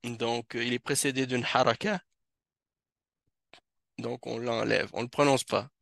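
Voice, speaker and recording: A man teaching Arabic grammar to a class, explaining slowly with frequent hesitations. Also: medium pitch, fairly even intonation, gravelly, fairly bright tone, dry recording, studio quality. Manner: slow, hesitant explaining with many fillers. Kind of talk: classroom lesson. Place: mosque classroom.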